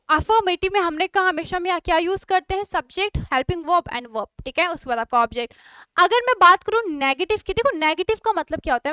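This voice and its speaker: A woman's voice: very high-pitched, pushed and bright, dry recording, clean studio sound. A woman with an Indian accent teaching a spoken English class online, explaining step by step and often checking whether everyone follows.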